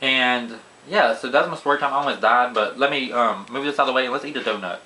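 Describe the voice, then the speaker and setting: A young man telling a casual story to camera, voice jumping up high when he quotes himself. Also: fast, background noise. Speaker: vlogger. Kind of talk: casual story time while eating.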